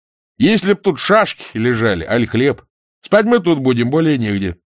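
A man's voice: mid-range voice, big pitch swings, normal speed, no echo, studio quality, voice pushed up, lightly acted. A male narrator voicing an insolent young red-haired soldier who talks in a brash, mocking way.

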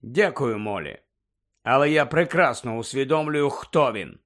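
A man's voice: a little high, a little slow, fairly bright tone. A man voicing an impatient grown man who answers coldly and with restraint. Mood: tense. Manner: cold, clipped, restrained.

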